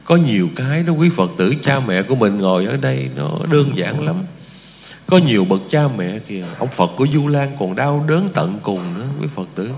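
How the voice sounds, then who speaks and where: A man's voice: medium pitch, animated, moderate pace, gravelly, a little mellow, big-room sound, a little hiss or hum. A man preaching a Buddhist sermon to his congregation, speaking emphatically and often asking his listeners rhetorical questions.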